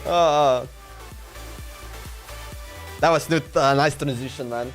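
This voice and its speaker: Over background music, a male streamer chats casually as he reacts, full of slang and exclamations and frequent repetition. He speaks slowly in a higher voice.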